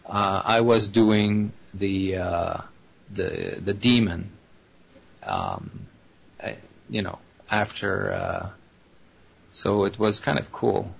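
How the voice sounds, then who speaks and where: Rambling man with a gravelly voice. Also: lowish voice, animated, takes it slowly, long pauses. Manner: rambling, many fillers and self-restarts. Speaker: voice actor guest. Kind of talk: casual group call chat. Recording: dull lo-fi call audio.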